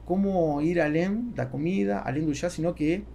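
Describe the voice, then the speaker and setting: A middle-aged man, native in Spanish, appears as a podcast guest and business executive, replying to interview questions in Portuguese with a Spanish accent and regularly searching for words. His voice is a little high and dark with vocal fry at a moderate pace, recorded on a close boom-arm mic in a small foam-treated studio with a little hiss or hum.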